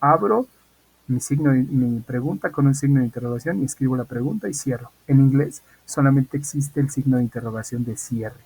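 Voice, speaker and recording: A man of ordinary pitch with a slightly husky, breathy voice teaches an English class over a computer mic. He is patient and repetitive and keeps checking that his students follow. He speaks as a teacher who is used to talking into a video call. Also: brisk, darkish tone, low-quality recording. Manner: patient, repeats key points and checks in with "¿ok?". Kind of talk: online class lesson.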